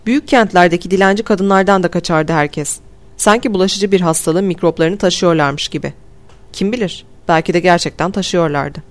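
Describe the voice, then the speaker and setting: A man calmly narrating a first-person audiobook in a measured storytelling voice. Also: high-pitched. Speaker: audiobook reader.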